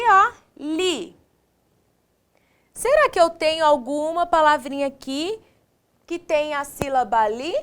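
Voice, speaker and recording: A woman's voice: high-pitched, a bit bright. A Brazilian woman teaching young children, drawing out syllables, asking questions and praising the pupils. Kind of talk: online lesson for children.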